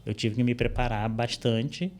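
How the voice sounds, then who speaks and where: A man speaking Brazilian Portuguese, a guest interpreter on a podcast, explaining things in a relaxed way with frequent fillers, recorded on a studio microphone. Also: medium pitch, moderate pace. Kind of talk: casual interview chat. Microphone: studio microphone with headphones.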